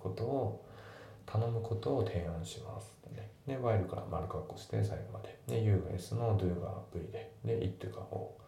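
A man teaching English, explaining sentence structure and pronunciation step by step in a calm, methodical way. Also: creaky. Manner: calm, methodical, steady explaining with many "で、" links. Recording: echoey room with faint rumble.

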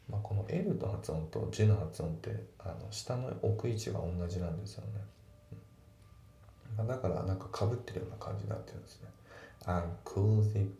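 A man teaching English grammar and pronunciation in a calm, methodical way, reading example sentences slowly. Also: lowish voice, creaky. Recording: echoey room with faint background noise.

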